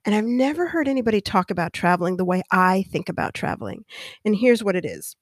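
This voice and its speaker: A young adult woman from California with a chatty, animated manner, stretching words and dipping into whispers. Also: mid-range voice, quick pace, no echo, clean studio sound. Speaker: host. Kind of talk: casual monologue.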